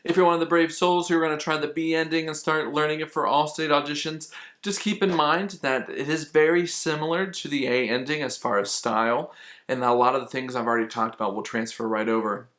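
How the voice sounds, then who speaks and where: A man's voice: a little high, fairly even intonation, fairly quick, fairly bright tone. A man teaching flute, explaining musical phrasing patiently and repeating key points for emphasis. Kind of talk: instructional explanation.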